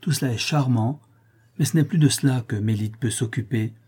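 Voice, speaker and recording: A man narrating an audiobook of a classic tale in a measured, literary way. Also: medium pitch, darkish tone, husky.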